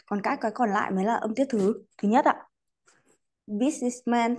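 Mid-range and a little dark in tone, this woman's voice carries an online English lesson. She explains things politely and patiently, sprinkling in English words, and ends most sentences with courteous particles.

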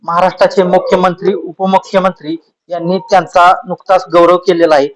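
High-voiced male reporter asking questions. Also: poor audio. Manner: prompting questions with filler pauses. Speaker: news reporter. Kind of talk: news interview questions.

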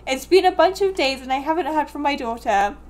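Woman as a tired farmer father, folksy, sighing, high voice. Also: animated, a little fast. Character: weary hardworking farmer father.

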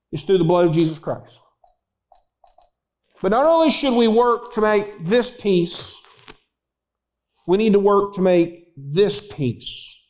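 A man's voice: high-pitched, a little mellow, poor audio. A man preaching a sermon as pastor, telling stories and acting out voices in them. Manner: storytelling, acts out voices in anecdotes. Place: church.

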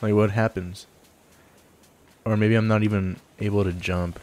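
A man's voice: fairly low pitch, flat delivery, normal speed, darkish tone. A young man giving laid-back, rambling let's play commentary as a game streamer, with casual swearing. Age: young adult. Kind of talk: casual let's play commentary, some dialogue read aloud.

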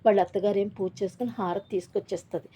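A woman's voice: mid-range voice, fairly even intonation, very fast, warm tone, husky. Chatty woman retelling a soap episode. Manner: chatty, quotes the characters' lines in her own plain voice; frequent fillers and self-corrections. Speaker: TV serial recap narrator. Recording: slightly dull lo-fi audio.

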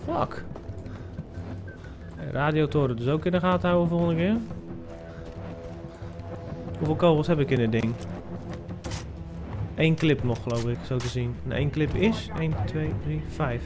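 A man's voice: a little high, measured pace, long pauses. A young Dutch man commenting live on his own gameplay, muttering to himself and swearing at sudden scares. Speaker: gamer streaming a playthrough. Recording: game music playing underneath.

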